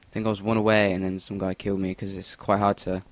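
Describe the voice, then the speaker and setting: English guy rambling over his gameplay, deep flat voice, swears a lot, cheap usb mic. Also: quick pace, no room sound. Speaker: gameplay commentator. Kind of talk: casual game commentary voice-over. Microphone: Rock Band USB mic.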